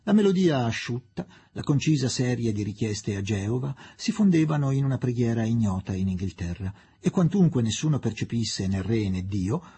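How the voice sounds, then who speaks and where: A man reading a novel aloud for radio with expressive storytelling. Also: mid-range voice, breathy edge. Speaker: narrator.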